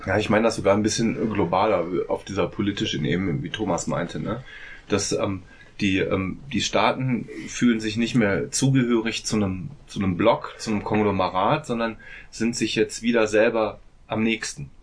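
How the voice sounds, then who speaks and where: A man's voice: fairly low pitch, moderate pace, slightly rough. A man in a casual group discussion who speaks hesitantly, with many filler sounds. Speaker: discussion participant.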